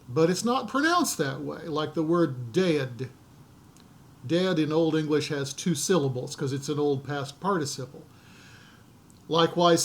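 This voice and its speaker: A man giving an unhurried, explanatory lesson, then carefully reading a scripture passage aloud. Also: a little high. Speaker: language teacher.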